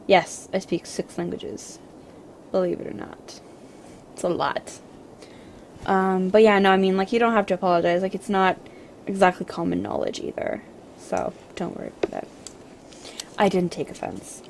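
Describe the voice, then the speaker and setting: A woman's voice: medium pitch, fairly even intonation, normal speed, vocal fry, pauses often, slight background noise. A French Canadian woman, a native French speaker, chatting casually on a livestream and rambling with lots of fillers and restarts. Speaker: streamer. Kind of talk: casual livestream chat with viewers.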